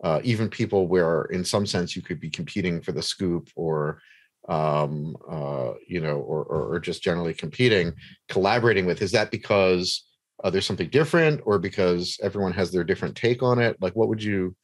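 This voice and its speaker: Guy with a really low voice hosting a chat, rambly, very dry sound. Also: a little fast, dry recording. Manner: rambling, many fillers and restarts. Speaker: podcast host interviewing a guest. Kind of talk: casual conversational interview.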